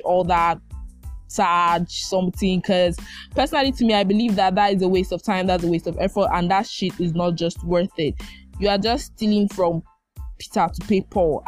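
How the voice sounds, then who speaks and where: Young nigerian lady chatting on her podcast, lowish voice, emphatic, music playing behind her. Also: darkish tone. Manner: chatty and emphatic, repeats phrases for effect. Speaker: podcast host. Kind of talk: casual solo podcast chat.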